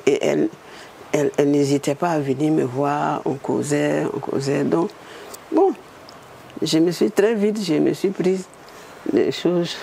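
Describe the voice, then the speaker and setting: Gravelly-voiced woman in her eighties. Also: sits low, a little hiss or hum. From Burkina Faso. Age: 80s. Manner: lively, animated storytelling. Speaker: interview guest, former state secretary. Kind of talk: storytelling interview.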